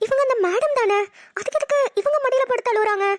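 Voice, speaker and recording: A woman's voice: extremely high pitch, fast, no echo, clean studio sound. Woman voicing a puzzled young woman. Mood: curious. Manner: questioning, bewildered.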